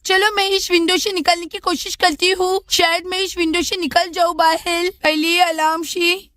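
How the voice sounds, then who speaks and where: A woman's voice: extremely high pitch, level tone, moderate pace, bright, forceful tone, dry recording, clean studio sound. A woman voicing a frightened little schoolgirl doll in a storybook, talking in an anxious, pleading way and calling out again and again. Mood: worried, pleading. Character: scared little schoolgirl doll locked in a toilet.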